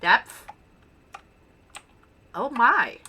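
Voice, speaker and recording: This native Danish speaker hosts a gaming channel, chatting playfully as she shows off her build in gameplay commentary, with a Danish accent. Her voice is a little high and breathy-edged, very animated yet very slow, and the recording's highs are cut off.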